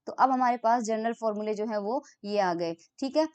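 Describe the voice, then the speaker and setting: A woman gives a physics lecture in a smooth, resonant voice pitched a little high. She walks through formulas step by step. She reads definitions slowly, then explains them again in plain terms. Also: a little mellow, no room sound, highs cut off. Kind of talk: recorded online lecture.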